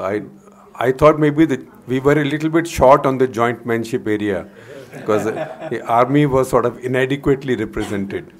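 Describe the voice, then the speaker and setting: A man in his sixties with an Indian accent, moderating an on-stage interview and framing his questions haltingly. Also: medium pitch. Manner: halting, repeats words as he frames questions. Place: indoor hall stage before a seated audience.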